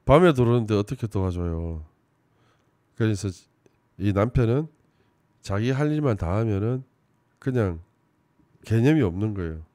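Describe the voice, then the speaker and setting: A man giving casual commentary on a TV show, swinging between loud emphasis and low muttering. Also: lively intonation, moderate pace, long pauses, no room sound.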